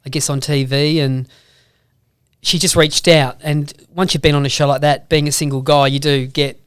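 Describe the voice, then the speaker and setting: A man with a broad Australian accent chats as an interview guest. His voice sits fairly high and sounds smooth and clean. He tells stories in a loose, rambling way, closely recorded with little room sound. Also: little pitch movement, normal speed, a bit bright, no echo, clean studio sound. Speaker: podcast guest, motorbike vlogger. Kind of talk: casual interview storytelling.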